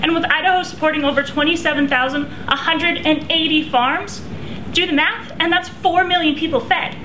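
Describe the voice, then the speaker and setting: A woman's voice: sits high, moderate pace. A woman with an American accent delivers a memorized contest speech in a stiff, rehearsed, declamatory way. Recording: echoey room with clear background noise.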